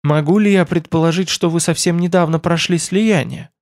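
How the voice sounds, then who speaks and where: Audiobook: man reading a gracious, inquisitive ruler, formal speech, gravelly. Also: on the high side, moderate pace, darkish tone, dry recording, studio quality, pitched above the performer's own voice, natural voice. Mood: courteous. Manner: formal and polite. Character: courteous, curious lord of a nonhuman race.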